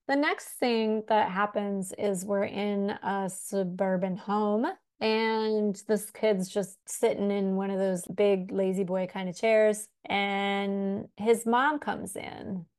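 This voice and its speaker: A woman co-hosting a casual podcast, retelling a movie with lively, animated storytelling. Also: medium pitch, slow pace, few pauses, smooth. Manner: animated storytelling, acting out scenes. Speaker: podcast co-host. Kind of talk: casual chat recapping a film.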